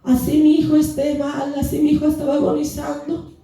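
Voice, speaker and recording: A woman's voice: sits high, monotone, brisk, warm tone. Fervent woman testifying in an echoey church. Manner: earnest, fervent, addresses the congregation as brothers. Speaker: church member giving testimony. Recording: echoey church hall, distant mic, music behind.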